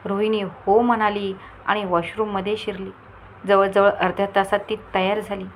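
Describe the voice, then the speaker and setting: A woman narrates a family tale in a steady, even storytelling voice. Her pitch is moderate. There is faint noise in the background. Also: moderate pace, poor audio.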